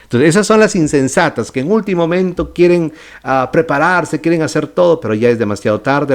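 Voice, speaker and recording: A man preaching as a pastor in a teaching sermon, with a voice of ordinary middle pitch. He explains patiently, keeps checking in with his listeners and often restarts his phrases to find the right word. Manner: explanatory, with frequent "¿ok?" and "¿verdad?" check-ins; restarts and self-corrections mid-phrase. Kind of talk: Bible study sermon.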